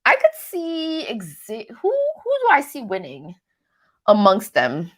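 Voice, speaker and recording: Her higher voice swooping wildly in pitch, slow and a bit bright, a Canadian woman hosts a reality TV recap livestream and answers viewer comments casually. She rambles, makes fun of herself, stumbles on words, and playfully shifts accents.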